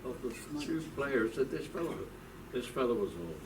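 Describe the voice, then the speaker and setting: A man's voice: medium pitch, moderate pace. A man in his nineties, a former football club secretary, telling anecdotes to an audience in a chatty way and acting out the people he quotes. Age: 90s. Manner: chatty, acts out quoted people in lively voices. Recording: distant mic with faint background noise.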